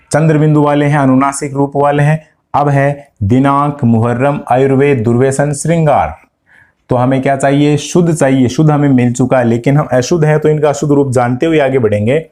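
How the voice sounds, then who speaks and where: Man as a grammar tutor with a warm, mellow tone, patiently walking students through corrections. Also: medium pitch. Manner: explains step by step, asks students questions; addresses students directly. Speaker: Hindi grammar teacher. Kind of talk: exam-prep lesson.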